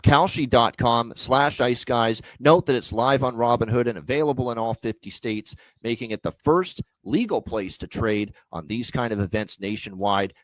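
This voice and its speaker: Here the hockey betting show host, a man, goes from cheerful sponsor spots to relaxed picks full of fillers. The recording of his mid-range voice is dry, and the audio quality is poor.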